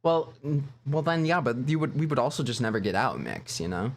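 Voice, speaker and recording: A man's voice: mid-range voice, brisk, vocal fry. A man streaming a video game, chatting casually, laughing and reading game lines aloud. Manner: animated, giggly, reads game lines aloud. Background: faint game music.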